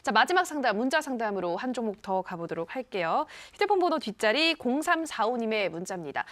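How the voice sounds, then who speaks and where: A woman's voice: a little high, sing-song, fairly quick. A woman hosting a stock consultation show, politely summarizing advice and reading out viewers' text messages. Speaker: show host.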